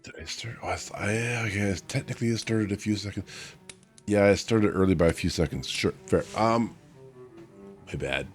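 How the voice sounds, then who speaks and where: Really deep voiced young guy streaming, kinda tired, rambles and restarts a lot, soft music in the back. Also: normal speed. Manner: rambling, self-correcting, chatty. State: tired, hiccuping. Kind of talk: casual stream chat.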